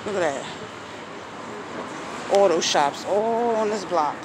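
Slow-talking New woman vlogging on noisy streets. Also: medium pitch, lively intonation. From New York City. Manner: rambling, thinking aloud, repeating phrases. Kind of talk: casual walking vlog chat. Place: outdoors, walking along busy city streets. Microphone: phone at arm's length. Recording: noisy outdoor city street recording. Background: traffic and street noise.

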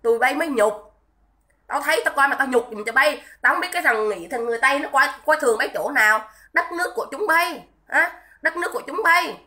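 In a high, sharp and animated voice, a woman rants quickly on a livestream. She is scolding, indignant and repetitive, and she greets the people watching between tirades.

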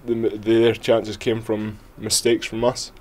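A young man gives a post-match interview in a small indoor press area. His voice sits fairly low, and he talks in a hesitant way, with frequent ums and restarts. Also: monotone, slow, slight background noise. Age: 20s. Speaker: footballer.

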